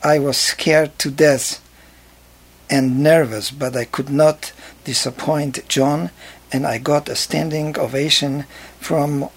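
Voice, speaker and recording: An older man from Poland with a Polish accent, a jazz pianist telling his life story in a slow, careful, measured way. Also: a little high, fairly even intonation, slightly rough. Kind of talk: spoken memoir track.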